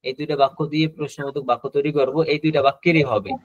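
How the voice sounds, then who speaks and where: A man teaching a spoken-English class over a video call, repeating each example slowly and drilling pronunciation. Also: fairly high pitch, dry recording, lo-fi sound.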